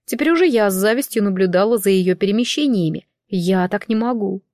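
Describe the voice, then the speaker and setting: A woman narrating a first-person fantasy audiobook in a wry, even storytelling manner. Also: mid-range voice, a little fast, no echo, clean studio sound. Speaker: audiobook reader.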